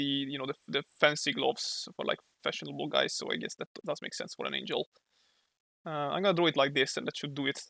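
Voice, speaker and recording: Young hungarian guy streaming art, talks and draws, hunts for english words now and then, sharp tense voice. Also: a little high, no echo. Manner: thinks aloud, sometimes searches for English words. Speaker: streamer and comic artist. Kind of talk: casual livestream chat while drawing.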